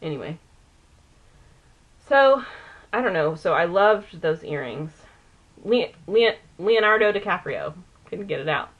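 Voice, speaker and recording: A woman's voice: lowish voice, lively intonation, measured pace, long pauses, narrow, tinny audio. A woman vlogger chatting casually while doing her makeup, rambling and often losing a word mid-sentence. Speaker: beauty vlogger. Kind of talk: chatty get-ready-with-me.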